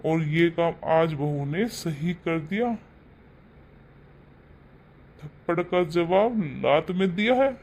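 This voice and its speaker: A slow, measured father-in-law in a cartoon family drama. His fairly high voice lectures his son sternly. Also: a little mellow. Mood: lecturing. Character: fed-up father-in-law, older man.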